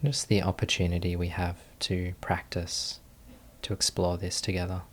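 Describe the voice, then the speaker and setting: Here a man teaches a guided meditation in a low-pitched voice, with a faint hiss or hum in the audio. His delivery is calm, gentle and unhurried, broken by long pauses between phrases.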